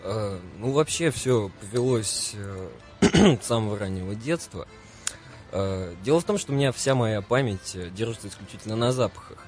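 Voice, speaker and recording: Низковатый картавый мужской голос. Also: male voice, fairly low pitch, lively intonation, normal speed, a little mellow. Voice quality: burred non-rolled r (kartavit), like w for r. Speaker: radio guest, advertising and marketing specialist. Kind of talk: radio interview talk. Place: radio studio. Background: clear music.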